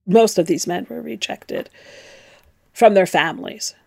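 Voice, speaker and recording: A woman's voice: mid-range voice, measured pace, vocal fry, darkish tone, slightly rough. A middle-aged woman, a former nun, telling her story frankly and reflectively in an interview.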